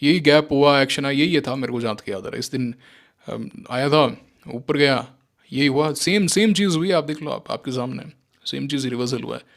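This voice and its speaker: A man teaching stock trading in casual, animated commentary, sarcastic and mocking, with Indian-accented English mixed into his talk. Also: medium pitch, normal speed, vocal fry. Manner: sarcastic, mocks listeners in mimicking voices. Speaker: stock market trading educator.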